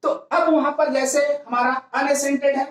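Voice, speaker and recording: A woman's voice: high voice, fairly even intonation, moderate pace. A woman teaching English grammar in a classroom lecture, explaining step by step and asking herself rhetorical questions. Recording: very echoey classroom.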